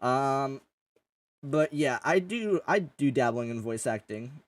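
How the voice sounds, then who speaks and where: A man's voice: mid-range voice, animated, slow, no room sound, distant mic. Rambling, swearing man on a gaming podcast. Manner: rambling, swears often, jokey. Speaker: podcast host and streamer. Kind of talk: casual gaming chat. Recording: dry, a bit off-mic.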